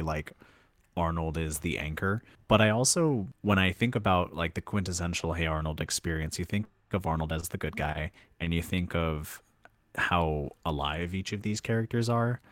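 A man with a very deep voice chats on a podcast, upbeat and quick with his reactions. The sound is dry and close, with no room around it. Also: no room sound. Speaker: podcast co-host. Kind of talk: casual chat.

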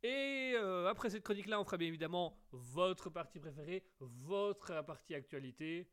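A man's voice: sits high, fast, fairly bright tone, clear, resonant tone. A man with a slight English accent hosting a live call-in radio show, playful, rambling and theatrical. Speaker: radio host.

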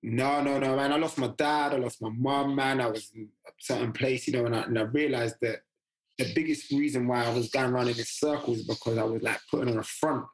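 Fast-talking animated man, podcast guest. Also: mid-range voice, poor audio. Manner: animated, acts out quoted voices, laughs often. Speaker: podcast guest, fathers' fitness coach. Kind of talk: casual interview chat.

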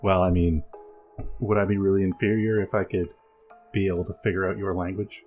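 A man's voice: low-pitched, flat delivery, fairly quick, narrow, tinny audio, soft background music. A man playing a tabletop game, talking in an easygoing, jokey way. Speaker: player. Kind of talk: in-character tabletop play.

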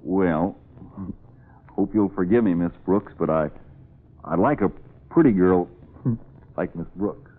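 An actor playing a shy, earnest country pig farmer with folksy, hesitant politeness in a 1940s radio comedy. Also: male voice, low-pitched, slow pace, pauses often. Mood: bashful, hopeful. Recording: muffled vintage radio recording.

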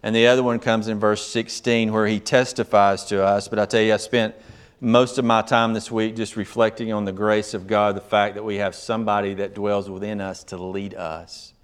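Man preaching with slow emphatic phrases. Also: fairly low pitch, little pitch movement, smooth. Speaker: pastor. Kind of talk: sermon.

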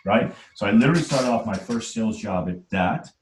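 A Trinidadian man in his forties, animated and speaking a little fast in a fairly low voice, tells his life story as an interview guest. He's earnest and emphatic, often checking in with "right?", over reverberant audio with slight hiss or hum.

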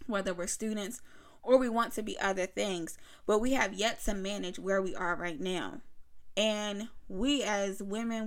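A woman's voice: medium pitch, fairly bright tone. A young adult woman hosting a podcast, giving a conversational faith-based motivational talk to mothers, full of rhetorical questions and casual slang. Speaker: podcast host.

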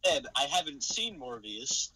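A young man guesting on a casual podcast, playful and jokey with deadpan asides. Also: mid-range voice, measured pace, rough recording. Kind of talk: casual goofy podcast chat.

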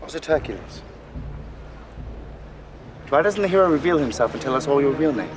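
An actor playing an imperious Roman emperor. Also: male voice, mid-range voice, animated, normal speed, noisy background, natural voice. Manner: imperious, contemptuous. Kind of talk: film drama. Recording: film audio with music.

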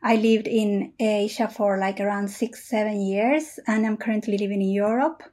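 A Peruvian software engineer answers questions in a casual video-call interview. She has a mid-range voice with fairly even intonation, and she speaks in a measured, thoughtful way, often pausing with "uh."

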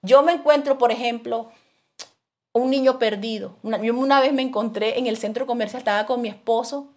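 A woman preaching to her congregation in an animated, storytelling way. Her voice sits a bit higher than most, and she slips into other people's voices to act out her anecdotes. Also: a little fast. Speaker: Bible teacher. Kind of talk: sermon teaching.

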